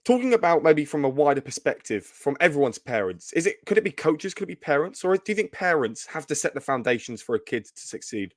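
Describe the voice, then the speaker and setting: A man hosting an interview talks quickly and asks long, winding questions. His voice sits at a middle pitch. The sound is dry and close. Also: big pitch swings, dry recording. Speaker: interviewer host.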